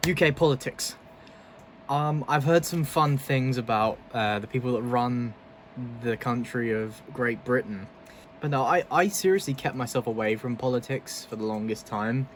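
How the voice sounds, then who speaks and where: A man's voice: medium pitch, slight background noise. Chatty man reacting to clips. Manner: chatty and laughing often, loose asides. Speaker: video host. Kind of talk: casual reaction commentary.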